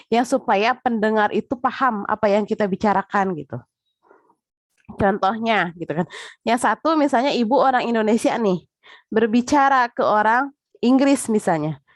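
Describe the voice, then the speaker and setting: A woman's voice: a little high, dry recording. A woman giving a casual spoken lecture, chatty, with frequent filler tags, talking straight to her listeners.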